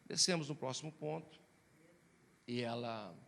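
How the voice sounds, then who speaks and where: A man preaching a sermon as a pastor, telling personal stories in a lively, animated way and calling out to the congregation as brothers. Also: mid-range voice, a little slow, gravelly. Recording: reverberant hall.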